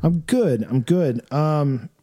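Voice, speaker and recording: A man's voice: a little high, expressive, takes it slowly, dark tone. A man in his forties hosting a podcast, asking questions in a joking, rambling way with lots of fillers. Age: 40s. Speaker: podcast host. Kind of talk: casual interview chat. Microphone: studio mic.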